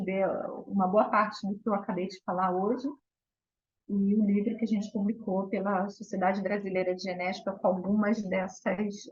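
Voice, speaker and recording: A Brazilian woman giving a guest lecture at an academic seminar, talking quickly and often restarting her sentences. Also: medium pitch, muffled recording. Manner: fast, warm, with repeated restarts.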